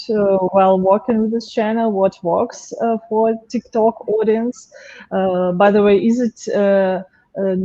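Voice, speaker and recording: Give a woman hosting an interview, who asks her questions haltingly with plenty of pauses. Her tone is mellow. The recording sounds dull and lo-fi. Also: mid-range voice. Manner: hesitant, many fillers and restarts. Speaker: host.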